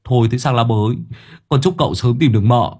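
A man's voice: mid-range voice, fast talker, a little mellow, slightly rough, close to an everyday voice. A man voicing a mischievous young prankster who talks in a playful, scheming way, in a comic audio story.

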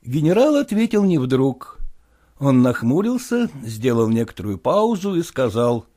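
A man reading a classic story aloud in a measured narrating voice. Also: mid-range voice, big pitch swings, mellow. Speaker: reader.

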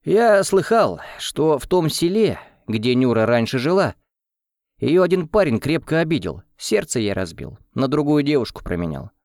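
A man playing a gruff, teasing older husband. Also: medium pitch, very animated, normal speed, darkish tone, dry recording, pitched above the performer's own voice. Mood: dismissive. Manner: dismissive, jokey. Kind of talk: audiobook character reading.

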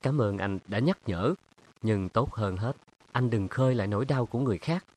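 A man's voice: fairly low pitch, a little fast, a little mellow, lightly acted. A man voicing a stubborn, weary young woman in an audiobook, with firm, defensive retorts. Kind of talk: audiobook character reading.

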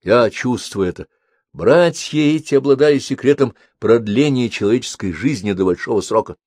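A man reading a novel aloud as an audiobook narrator, in a measured, even way. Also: medium pitch, dry recording, clean studio sound. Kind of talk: scripted narration.

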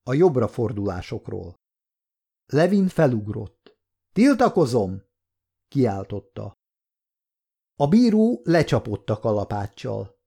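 A man's voice: vocal fry, long pauses, breathy edge. A man reading a translated courtroom short story aloud as an audiobook narrator, lifting his voice for the quoted lines. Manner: steady literary reading, lifting pitch for quoted dialogue. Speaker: audiobook reader.

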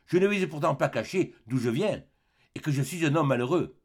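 A man reading the part of a weary ex-convict in his forties in an audiobook, low and bitter. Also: animated, a little fast, breathy edge. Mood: pleading.

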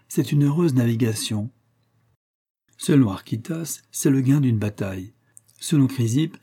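A man's voice: medium pitch, dark tone, husky. A male reader voicing a grave older priest who lectures in an emphatic, sermonizing way.

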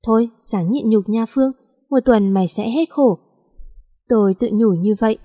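A woman's voice: on the high side, normal speed, mellow. Woman reading a romance story, echoing. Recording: long echoing reverb.

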